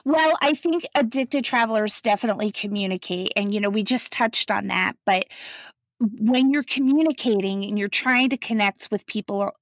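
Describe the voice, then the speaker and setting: A woman's voice: mid-range voice, normal speed, no room sound. Chatty woman on a dry mic. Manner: chatty, storytelling, frequent "you know". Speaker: podcast co-host. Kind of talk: casual chat.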